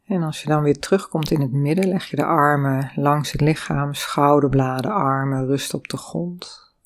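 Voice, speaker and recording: A woman guiding a lying-down breathing and movement exercise, speaking calmly and humming drawn-out vowel sounds between instructions. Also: low-pitched. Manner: calm, slow guiding with sung vowel sounds. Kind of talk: guided breathing and body exercise.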